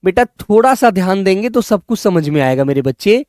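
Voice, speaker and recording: A man teaching in a live online class, coaxing his students and drilling words by repeating them slowly. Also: high voice, animated, darkish tone, no room sound, clean studio sound. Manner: coaxing, addresses students as children and brothers. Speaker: Hindi teacher.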